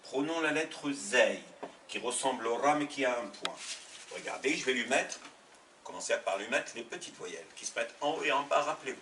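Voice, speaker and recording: A man teaching letters in a slow, patient classroom manner, spelling out each sound. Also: medium pitch, expressive, noisy background. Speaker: Arabic teacher. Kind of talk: classroom lesson. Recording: roomy sound from a distant mic.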